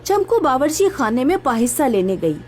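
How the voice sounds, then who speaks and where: A woman telling a scripted horror story in a lively, expressive way. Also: high-pitched, moderate pace.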